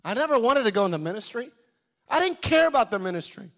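A middle-aged man preaching a sermon as a pastor, telling his testimony with passion and rising to shouts. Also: very high voice, sing-song, fast, creaky. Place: church sanctuary.

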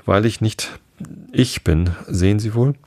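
A man reading the part of Alice, a polite, flustered young girl, a little higher and hesitant, as a calm bedtime storybook reading. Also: measured pace, dry recording, natural voice.

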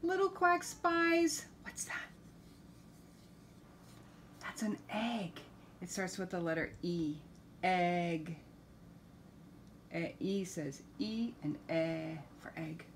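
A woman's voice: fairly low pitch, drawn-out words, pauses often. A middle-aged woman reading a picture book aloud as if to a toddler, sounding out letters and asking simple questions. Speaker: children's story reader and letter teacher. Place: living room, indoors. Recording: noticeable room background noise.

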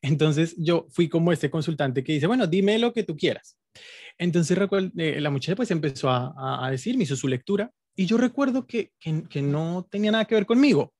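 A man's voice: fairly high pitch, a little fast, few pauses, a little mellow, no echo. A man teaching an online workshop in a casual, explanatory way, using many fillers and tag questions. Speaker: guest teacher.

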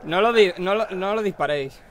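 A man's voice: high voice, fairly quick, a little hiss or hum. A young man with a Spanish accent from Spain, streaming a game and arguing bluntly with other players. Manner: irritated, blunt, swearing. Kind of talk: live gaming stream chat.

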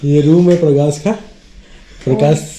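Young man, warm dark voice, teasing banter, roomy echo. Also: fairly high pitch, steady tone, measured pace. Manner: teasing, laughing. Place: small hostel room.

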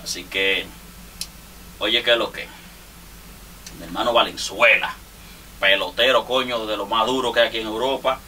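Teasing Dominican man, bright sharp voice. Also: lowish voice, fairly even intonation, normal speed, long pauses, slight background noise. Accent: Dominican Spanish. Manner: teasing, rambling, laughs often. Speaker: rapper roasting fellow artists. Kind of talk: casual joking monologue. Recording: distant mic with faint ambience.

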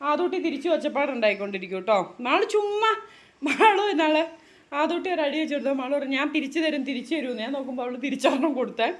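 A woman's voice: sits high, lively intonation, very fast. A woman in her thirties, a mother chatting casually at home for her family vlog, doting and teasing.

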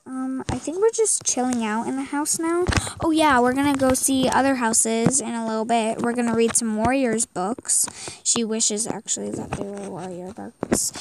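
Chatty young girl, high voice, noisy. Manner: chatty, rambling, giggly. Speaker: guest commentator. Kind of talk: casual gameplay commentary.

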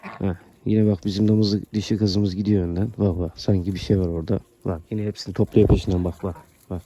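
Speaking briskly in a low, dark voice with little pitch movement, a man chats to the geese he keeps while filming them outdoors. His manner is coaxing and affectionate, as though talking to children, in casual vlog fashion. There's no room sound on the recording.

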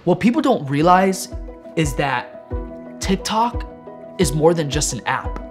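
A man's voice: fairly high pitch, sing-song, measured pace, over music. A young man playing a self-important, obsessive social media dancer in a scripted mockumentary comedy, grandiose and earnest. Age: young adult. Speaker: comedian playing lead in sketch.

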